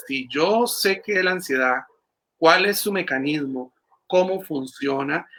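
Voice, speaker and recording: Speaking over a video call, a male clinical psychologist gives interview answers full of fillers and restarts. His pitch is medium and his tone is sharp.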